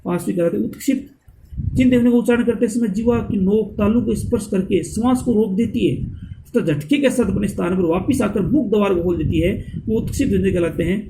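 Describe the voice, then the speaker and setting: A man's voice: high voice, quick pace, noisy background. A man giving a grammar lesson, reading out definitions and listing letters one at a time, sometimes correcting himself. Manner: reads definitions, then lists letters one by one, self-corrects. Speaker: Hindi grammar teacher. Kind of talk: classroom-style grammar lesson.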